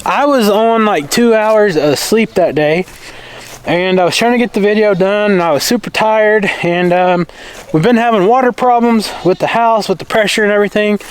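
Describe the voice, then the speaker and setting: A man's voice: sits high, moderate pace, clear, resonant tone. A man with a Southern US accent chatting casually and plainly in a folksy way as a farm vlogger, outdoors. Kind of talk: casual vlog chat.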